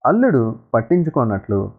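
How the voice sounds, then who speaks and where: A man narrating a story in a lively, dramatic storytelling manner. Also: medium pitch, moderate pace. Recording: tinny phone-like sound.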